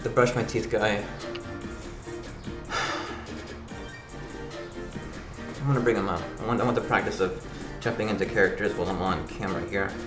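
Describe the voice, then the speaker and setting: A man's voice: fairly low pitch, steady tone, fast talker, hardly any pauses. A man chatting casually to his vlog audience, rambling and often repeating himself as he restarts phrases. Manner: refers to himself in third person as grandpa. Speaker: vlog host. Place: sparsely furnished apartment room. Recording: echoey room with background music.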